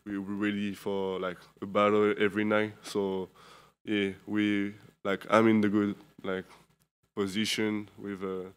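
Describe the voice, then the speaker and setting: A tired young man from Europe speaks into a table microphone in an indoor press room. His voice is lowish, clean and resonant, and it stays fairly level in pitch. He talks haltingly, with lots of fillers and restarts. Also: clear, resonant tone. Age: 20s. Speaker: basketball player. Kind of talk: postgame press conference answers.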